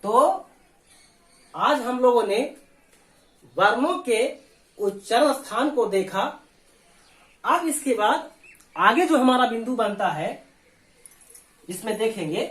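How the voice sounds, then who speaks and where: A man's voice: very high-pitched, animated, slow, pauses often, fairly bright tone. A man with a Bihari Hindi accent teaching a board exam lesson, explaining step by step and answering his own questions. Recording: roomy echo.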